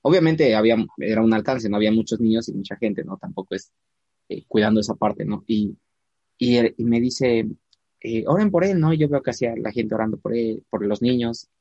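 A man's voice: lowish voice, no echo, muffled recording. A man telling a church testimony in a casual chat, acting out the voices of people in his story. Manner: animated storyteller, acts out quoted voices, slows down for emphasis.

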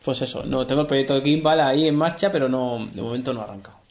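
A man's voice: medium pitch, fast, a little mellow, echoey room. A man in his thirties from Spain, co-hosting a podcast in casual, joking chat and laughing often. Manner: laughs often, playful banter. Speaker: podcast co-host.

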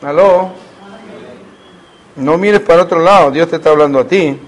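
A man's voice: on the high side, moderate pace, rough recording. A man, preaching a sermon as a pastor and asking the congregation rhetorical questions.

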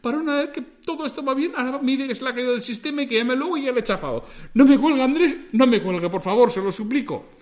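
A man's voice: medium pitch, sing-song, normal speed, lightly acted. A man voicing a flustered, exasperated male customer on a phone call, stammering and pleading.

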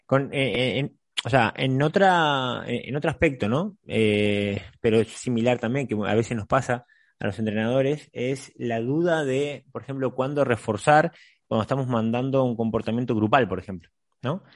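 A man hosting a conversational podcast, speaking haltingly and repeating words as he thinks. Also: mid-range voice, no echo, clean studio sound. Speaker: podcast host.

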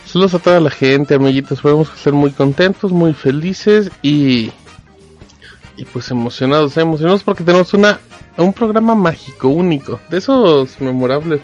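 A man's voice: on the high side, moderate pace, a little mellow, dull audio, faint music behind. A man with a Mexican accent co-hosting a live podcast, teasing his co-host in casual banter. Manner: teasing, playful.

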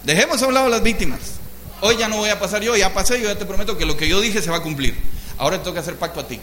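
A man's voice: high-pitched, racing, bright, forceful tone, roomy sound, slight background noise. A man preaching and voicing God as a patient father who speaks familiarly to his son. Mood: solemn. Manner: familiar and fatherly, calls Abraham "mijo".

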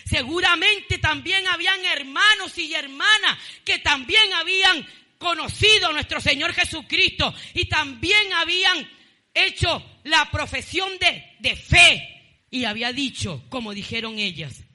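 A woman pastor preaching a fervent sermon to her congregation. She keeps breaking in with praise and sometimes rises to a shout. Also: extremely high pitch, animated, unhurried. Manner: fervent preaching, often repeating "gloria a Dios", with shouted bursts.

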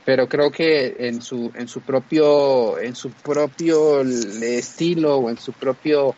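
A man's voice: mid-range voice, slow pace, warm tone, highs cut off. A man reviewing a film in casual chat, rambling with many fillers and restarts.

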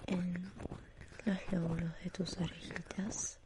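A woman with a Rioplatense Spanish accent doing an ASMR role-play as an ASMR spa attendant, in a soothing sleep-narrator manner with gentle repetition and diminutives. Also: on the low side, level tone, takes it slowly, background noise. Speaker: ASMR performer giving a pampering spa treatment.

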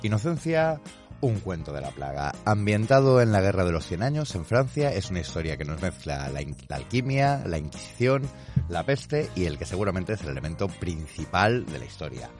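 A man with a low, deep voice, talking casually and teasing his co-host as they run through video games. Faint music sits quietly underneath. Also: sing-song, moderate pace. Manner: chatty, playful, teasing. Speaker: podcast co-host.

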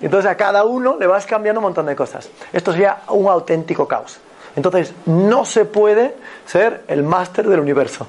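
Upbeat Spanish mentor, slightly high voice. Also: male voice, normal speed. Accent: Spain Spanish. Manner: animated, repetitive, addresses listeners directly with "vale?" checks. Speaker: personal growth mentor. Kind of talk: motivational talk to an audience.

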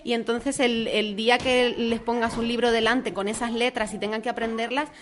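A woman's voice: a little high, level tone, moderate pace, slight background noise. A woman from a school answering interview questions, explaining earnestly with hesitations. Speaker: school staff member. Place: school classroom with children.

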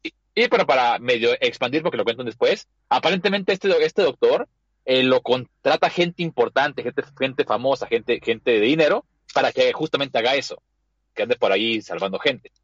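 A man's voice: medium pitch, lively intonation, moderate pace, breathy edge, dry recording, highs cut off. A man hosting a casual chat, animatedly retelling an anime episode and acting out the characters' lines. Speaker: podcast host.

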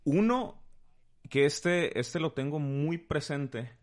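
Lively Mexican man teaching with examples. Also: on the high side, takes it slowly. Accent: Mexican Spanish. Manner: animated, teaching with playful examples. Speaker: guest speaker.

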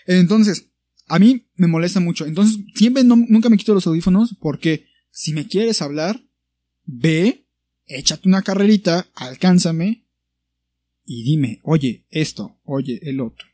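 A man's voice: fairly high pitch, a little slow, dry recording. A young man with a Mexican Spanish accent, telling a story in a casual podcast chat and acting out the people he quotes. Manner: animated storyteller who acts out quoted people. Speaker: podcast co-host.

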